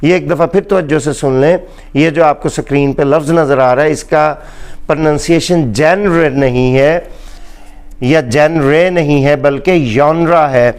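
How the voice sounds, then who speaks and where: A man with a Pakistani accent giving a slow, deliberate English pronunciation lesson, repeating each word for emphasis. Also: fairly high pitch, steady tone, darkish tone. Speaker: English teacher.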